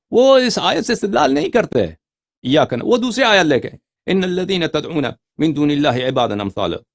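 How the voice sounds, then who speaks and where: A man giving an explanatory scriptural lecture, emphatic, reciting quoted passages slowly and repeating key words, and putting rhetorical questions to his listeners. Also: medium pitch, creaky. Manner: asks rhetorical questions to the audience. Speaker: religious lecturer.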